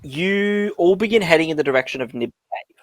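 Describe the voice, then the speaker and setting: A man runs a tabletop game, rambling through his narration with plenty of "like" and "um." His pitch rises and falls a lot, and the mic sounds dry and close. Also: animated, brisk, no room sound. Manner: rambling, lots of "like" and "um". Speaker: dungeon master.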